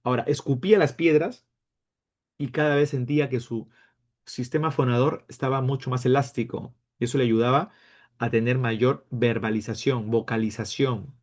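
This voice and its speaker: Animated male teacher. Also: mid-range voice, normal speed. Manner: animated, playful, acts out students' questions. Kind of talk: lively classroom lecture. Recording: dull lo-fi sound.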